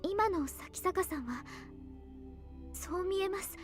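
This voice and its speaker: A woman voicing an earnest, soft-spoken young woman who pleads gently with a distant friend in a horror visual novel. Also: very high-pitched, lively intonation, moderate pace, over music. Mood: pleading.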